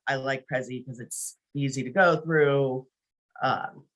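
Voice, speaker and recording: On a video call, a presenter runs an informal screen-share training, speaking conversationally and often checking in with listeners by asking "right?". The voice is medium-pitched and fairly bright, and the recording quality is low.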